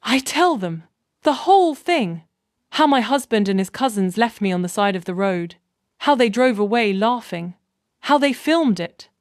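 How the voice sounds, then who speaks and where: A woman's voice: on the high side, lively intonation, normal speed, no echo. Dry-voiced woman narrating a story. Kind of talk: scripted first-person story narration.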